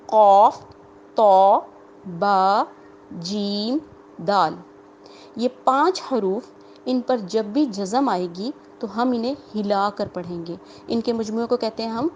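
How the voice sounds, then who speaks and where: Woman teaching tajweed, kinda high voice, patient, repeats stuff, slow stretched example words, faint hiss behind. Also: darkish tone, low-quality recording. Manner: patient and explanatory, repeats rules and asks the class questions; draws out the example words slowly. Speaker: Quran recitation teacher. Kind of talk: online tajweed lesson.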